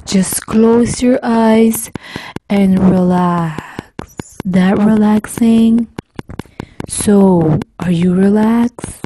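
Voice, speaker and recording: A woman's voice: medium pitch, warm tone, a little hiss or hum, voice pushed down, rough recording. A woman putting on a soothing ASMR host voice in a whispered role-play, drawing each word out. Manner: slow, drawn-out, coaxing English. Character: soothing female ASMR host, slow and coaxing.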